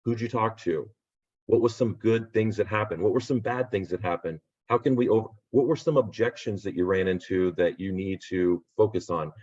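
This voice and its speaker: A man hosting a real estate agent training on a video call, upbeat and rambling, losing his voice and clearing his throat. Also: lowish voice, moderate pace, a little mellow. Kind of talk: casual video call pep talk. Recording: dull lo-fi video call audio.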